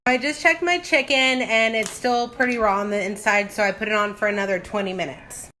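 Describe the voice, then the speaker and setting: A woman with a mid-pitched voice talks through her cooking in a casual, loose way. She thinks aloud and drifts into playful asides. The phone recording is noisy, with dishes and pans clattering in a home kitchen. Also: fairly even intonation, brisk, pushed and bright. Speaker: home cook hosting a cooking video.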